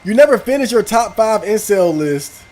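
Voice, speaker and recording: Loud, profane gaming streamer, high and lively. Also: male voice, normal speed. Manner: loud, profane, reactive outbursts. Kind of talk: casual gaming stream commentary.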